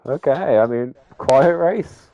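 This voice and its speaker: A man hosts a casual racing stream and keeps stumbling through "I mean" and "um" as he talks. His voice is mellow and dark. The audio is dull and lo-fi, like a streamed voice chat. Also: medium pitch, animated, takes it slowly. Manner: filler-heavy, rambling, frequent "I mean". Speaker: host of sim racing league broadcast. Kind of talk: casual post-race interview.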